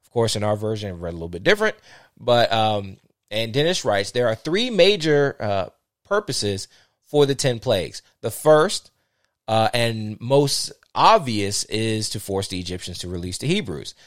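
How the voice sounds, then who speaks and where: A man's voice: fairly low pitch, sing-song, normal speed, dry recording, studio quality. A man hosting a podcast who reads scripture and commentary aloud in a casual way, often stumbling and correcting himself. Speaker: podcast host reading scripture. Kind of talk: casual Bible reading with commentary.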